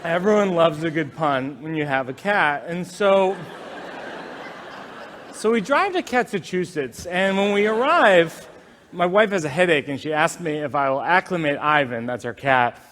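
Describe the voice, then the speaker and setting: Wry, high-voiced male stand-up comedian. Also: normal speed, long reverb tail, a little hiss or hum. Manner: wry, animated, self-deprecating. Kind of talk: stand-up storytelling.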